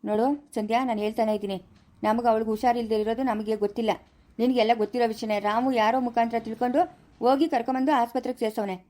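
A woman playing a young husband who defends himself with rapid pleading explanations. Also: a little high, flat delivery, warm tone, lightly acted. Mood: defensive, reassuring. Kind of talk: amateur family drama acting.

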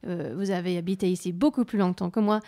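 New Zealand woman, radio host, mellow warm voice, French with her native accent. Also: fairly low pitch, steady tone, quick pace. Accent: New Zealand, speaking French. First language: English. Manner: searching for words, mixing in English. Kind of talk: radio interview.

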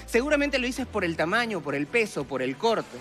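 Sing-song, brisk and a bit bright, this high voice comes from a twenty-something Venezuelan magician competing on a talent show. Wearing a headset mic, he addresses the judges with theatrical patter on a big TV studio theatre stage, music running underneath.

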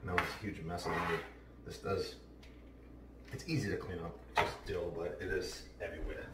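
Deep-voiced man chatting while cooking. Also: fairly even intonation, brisk, recorded from a distance, heavy background noise. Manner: chatty, offhand, talks while working. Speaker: home cooking show host. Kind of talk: casual cooking demonstration. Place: large home kitchen, indoors. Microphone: camera mic at a distance, then close to camera. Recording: roomy kitchen sound, heard from afar.

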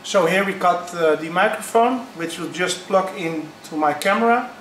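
Man on a low-quality, echoey camera mic. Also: a bit bright, recorded from a distance. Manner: halting, unpolished, pausing often. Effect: low-quality sound from a built-in camera mic. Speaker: YouTuber starting a channel. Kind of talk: casual unboxing vlog. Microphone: built-in camera mic. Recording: echoey, low-quality camera audio with faint background noise.

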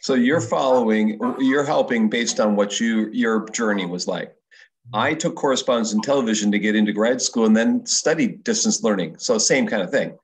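A man hosting a video-call interview, eager, with quick exclamations and chatty questions. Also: on the low side, low-quality recording. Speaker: host, instructor. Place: indoors, home office. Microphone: video call with wired earphones.

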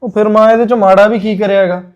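A man as a fast-talking pleading young son. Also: high voice, fairly even intonation, lo-fi sound, close to an everyday voice. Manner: pleading, placating. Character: young married son, caught between mother and wife. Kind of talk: Punjabi short film drama.

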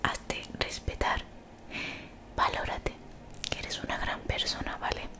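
A young woman gives soothing, motivational ASMR in a breathy whisper very close to the mic, gently repeating phrases. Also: slow pace. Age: young adult. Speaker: ASMR creator. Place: small bedroom, indoors. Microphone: desktop condenser mic, very close.

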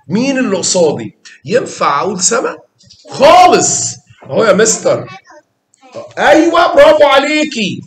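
Teaching math in a lively classroom style, this Egyptian-accented man draws students in through repeated questions. His voice sits high. The recording sounds roomy and carries background noise.

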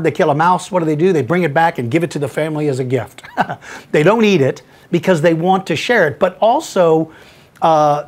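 A man hosting a paleontology podcast, answering listener questions in an enthusiastic, folksy way and calling listeners buddy. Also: on the high side.

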